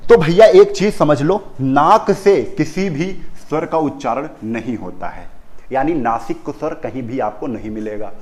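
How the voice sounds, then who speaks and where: A man's voice: mid-range voice, lively intonation, a little slow, darkish tone. A man teaching a grammar lesson in Hindi, who repeats key terms and keeps asking the children questions. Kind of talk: classroom lesson on pronunciation.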